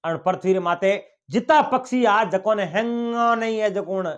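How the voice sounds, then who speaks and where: A man with a Marwari accent telling an animated folk tale, lifting his voice for the characters. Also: sits high, measured pace. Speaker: folk storyteller. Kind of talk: oral folk tale narration.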